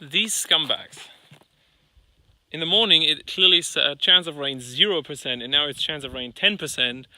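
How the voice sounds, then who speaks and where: Bright, forceful man narrating a casual vlog. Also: fairly high pitch, a little fast, hardly any pauses, no room sound. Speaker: vlog host.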